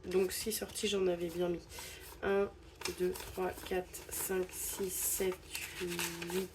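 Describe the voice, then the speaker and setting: In a lowish, flat voice, a young budgeting vlogger with a stuffy cold takes her time narrating. She counts her bills aloud in a casual, hesitant way. Background noise accompanies her.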